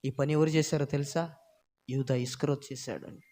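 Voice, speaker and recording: A man preaching a sermon, swinging between loud impassioned peaks and low hushed asides, with many rhetorical questions for his listeners. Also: fairly even intonation, brisk.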